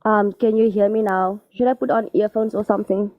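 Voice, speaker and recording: Muffled caller, as if through a wall. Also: female voice, medium pitch, fairly even intonation, fairly quick, no echo. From Cape Town, South Africa. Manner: hesitant, many fillers and restarts. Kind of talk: casual call-in chat. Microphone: phone call. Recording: dull muffled phone line.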